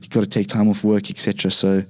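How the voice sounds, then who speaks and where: A young man from Zimbabwe with a Zimbabwean accent, chatting relaxed as a podcast guest, with many fillers and restarts. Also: on the low side, quick pace. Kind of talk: casual interview talk.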